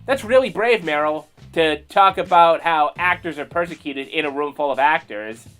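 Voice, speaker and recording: A man hosting a comedy commentary show, mocking and sarcastic, with quick animated asides. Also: a little high, clear, resonant tone, faint music behind.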